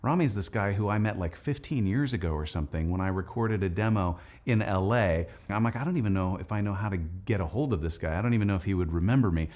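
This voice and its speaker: A man with a low, darkish voice talks fast, barely pausing, in a casual, excited storytelling way, like a musician's video diary. He narrates the making of his record, tossing in lots of "like" and "dude," and he's also an Anglican priest.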